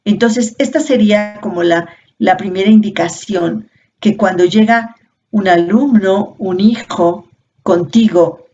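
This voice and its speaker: A woman leading an informal workshop, explaining at an unhurried pace and posing rhetorical questions to her listeners. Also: medium pitch, darkish tone. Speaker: workshop facilitator. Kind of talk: informal teaching talk. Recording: dull lo-fi audio with faint noise.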